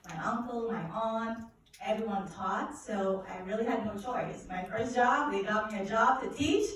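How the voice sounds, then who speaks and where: A woman from Guyana, giving an energetic money seminar at a church and drawing responses from the audience. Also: a little high, moderate pace, background noise. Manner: energetic, asks the audience questions, preacherly. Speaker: finance educator speaking at a church event. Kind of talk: live seminar talk with audience call-and-response. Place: large echoey church hall. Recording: echoey hall from far off.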